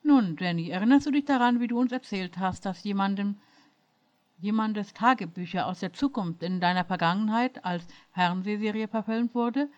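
A woman's voice: mid-range voice, moderate pace, lo-fi sound, lightly acted. Jean-Luc, a woman reading as a stern captain. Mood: grave. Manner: scolding, lecturing. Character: stern angry male starship captain.

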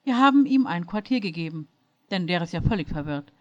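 A woman's voice: on the low side, expressive, brisk, darkish tone, lo-fi sound, natural voice. Jean-Luc, a woman reading as a stern captain. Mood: grave. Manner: scolding, lecturing. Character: stern angry male starship captain.

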